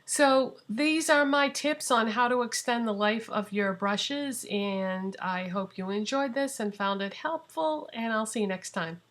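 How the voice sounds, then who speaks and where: A woman's voice: on the high side, unhurried, hardly any pauses, fairly bright tone. A woman vlogger talking casually through a beauty tutorial, chatty and rambling with asides.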